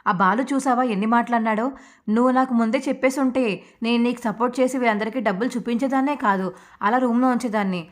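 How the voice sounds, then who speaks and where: A woman voicing an upset young wife who speaks sharply and reproachfully, a bit higher than her own voice. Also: flat delivery, fast, hardly any pauses, clean tone, close to an everyday voice.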